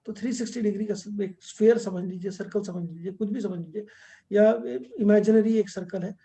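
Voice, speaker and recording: This middle-aged man delivers an online astrology lecture by video call, walking through each point in turn and mixing in English terms. He speaks briskly in a high, dark-toned voice with fairly even intonation.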